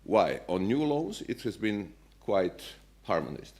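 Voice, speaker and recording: A man's voice: on the low side, big pitch swings, a little slow, darkish tone. A man speaking as a central bank policymaker on a conference panel, hesitant, with many fillers and restarts.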